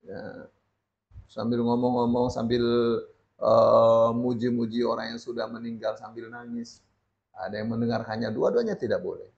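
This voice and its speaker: Gravelly guy teaching hadith, keeps saying ya, dull lo-fi recording. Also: mid-range voice, normal speed, darkish tone. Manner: frequent "ya" tags, reads Arabic text then explains. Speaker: Islamic teacher. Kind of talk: religious lesson on hadith.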